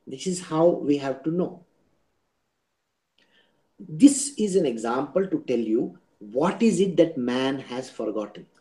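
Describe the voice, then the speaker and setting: A man's voice: mid-range voice, expressive, slow pace, long pauses, mellow, poor audio. A man with an Indian English accent giving a spiritual discourse, teaching didactically through everyday examples and checking in with rhetorical questions.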